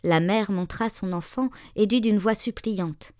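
A woman reads a storybook tale aloud, measured and expressive. Her voice sits in a natural middle register and sounds close and dry. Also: mid-range voice, no echo. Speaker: narrator. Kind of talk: storybook reading.

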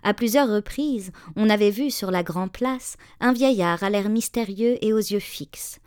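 A woman narrating a storybook tale in a measured, expressive reading voice. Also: mid-range voice, smooth, no echo, studio quality.

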